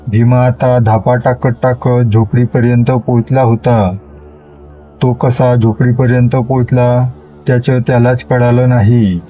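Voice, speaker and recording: A man narrating a horror story in a slow, steady storytelling manner. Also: mid-range voice, a little hiss or hum. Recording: dull lo-fi recording with faint music.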